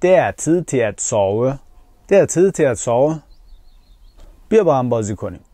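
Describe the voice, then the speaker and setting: Guy doing a language lesson, mid voice, says phrases slow and twice, dry close sound. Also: medium pitch, very animated, mellow, no room sound. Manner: repeats each phrase slowly, then explains with fillers. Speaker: language teacher. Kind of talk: language lesson, explaining and repeating phrases slowly.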